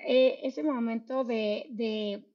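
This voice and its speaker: Woman, interview guest, earnest, fillers and restarts, higher pitch, muffled lo-fi recording. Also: fairly even intonation, slow pace. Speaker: guest mental health specialist. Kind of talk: explanatory interview answers.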